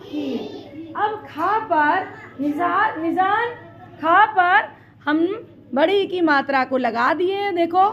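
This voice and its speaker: A woman's voice: very high-pitched, fairly bright tone, lo-fi sound, slight background noise. A woman teaching young children the vowel signs of Hindi letters, asking a question and then answering it herself. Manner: slow, drawn-out, repeating questions and answers.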